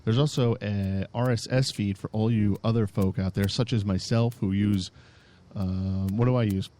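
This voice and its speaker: A man's voice: lowish voice, steady tone, moderate pace, dark tone. A man co-hosting a podcast, chatting in a rambling, laid-back, joking way. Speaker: podcast co-host. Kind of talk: casual chat.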